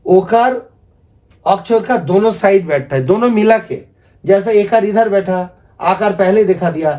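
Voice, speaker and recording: High-voiced man patiently teaching script. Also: a little mellow. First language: Bengali. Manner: patient, repetitive explaining, asks viewers to repeat after him. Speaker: Bengali language teacher. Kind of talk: video lesson explaining script.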